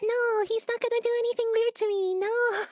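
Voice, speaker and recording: A woman's voice: very high-pitched, fairly even intonation, moderate pace, darkish tone, no echo, studio quality. A woman on a live stream walking through vocal technique step by step, giggly and casual as she explains. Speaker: guest voice coach. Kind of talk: casual voice-training demo on stream.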